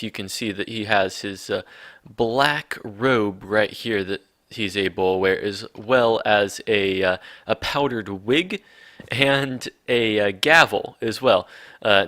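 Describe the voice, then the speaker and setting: A man with a lowish, sharp, bright voice talks through his gameplay in loose, rambling commentary, full of fillers and mock outrage. The sound is close and dry, with no room around it. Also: dry recording. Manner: rambling, mock-indignant ranting with many fillers. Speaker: video game let's play host.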